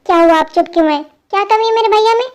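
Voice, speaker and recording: A high-voiced performer voicing a spirited young wife, bossy and teasing, in a fan dub drama, with a scolding, insistent way of talking. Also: female voice, fast, darkish tone.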